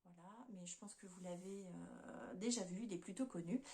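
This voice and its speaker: A woman's voice: lowish voice, moderate pace, dark tone. A woman in her thirties talks in a casual, chatty way and speaks. She hosts a podcast and fills her sentences with hesitant fillers as she goes. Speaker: knitting podcast host. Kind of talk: casual chat.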